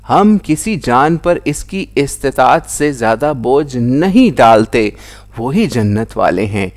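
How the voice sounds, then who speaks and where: A man reading a scripture translation aloud in a solemn, measured recitation, lifting his voice into raised declamation at the quoted cries. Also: medium pitch, a little mellow. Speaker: Quran translation reader.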